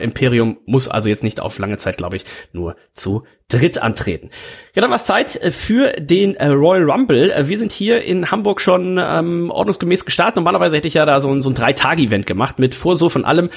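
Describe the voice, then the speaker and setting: A man's voice: fairly high pitch, animated, fairly quick, vocal fry, slightly rough. A man hosting a casual wrestling chat, telling stories in a rambling way with many fillers and restarts. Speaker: podcast host.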